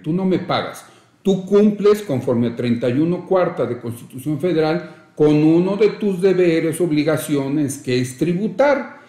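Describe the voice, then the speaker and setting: A man's voice: a little high, warm tone, roomy sound. A middle-aged man with a Mexican accent, a judge speaking as an interview guest, emphatic and lecturing with rhetorical questions. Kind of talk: conversational interview.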